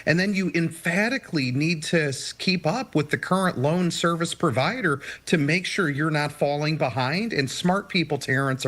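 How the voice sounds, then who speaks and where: A man's voice: medium pitch, a bit bright. A man giving emphatic, upbeat financial advice as a guest in a TV news interview. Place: TV studio or remote video link.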